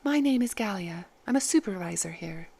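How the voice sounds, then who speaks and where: Eine Frau als sanfte, förmliche Oberdienstmagd. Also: female voice, medium pitch, animated, brisk, gravelly. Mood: gentle. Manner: gentle, formal and soothing. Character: calm kindly female head maid, adult.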